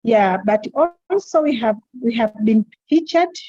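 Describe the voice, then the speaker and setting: A woman giving a halting update in an online meeting, her audio choppy and breaking up over a weak video-call stream. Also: a little high, animated, mellow, no echo, lo-fi sound. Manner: slow and halting with frequent restarts. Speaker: award-winning group representative.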